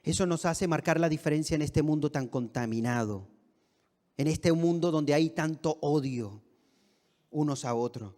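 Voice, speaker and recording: Brief: man, co-pastor, delivering an emphatic sermon; slightly high voice, reverberant church hall. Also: normal speed. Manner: emphatic, varying between soft and raised delivery.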